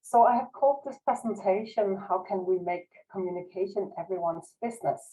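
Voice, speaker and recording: A Danish woman with a Danish accent, working as a university researcher, gives a modest, careful online lecture full of restarts. Her mid-range voice is mellow and fairly quick, heard over a video call in a low-quality recording.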